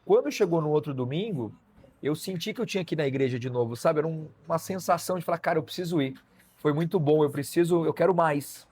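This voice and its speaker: A man tells his story as a guest in a sit-down conversation. His voice sits a bit high and is husky, and he slips into the voices of the people he quotes, checking in often with his listener. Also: fast, a little mellow. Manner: storytelling, acts out quoted dialogue, frequent "né?" tags. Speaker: guest physician. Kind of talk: personal testimony in a conversation.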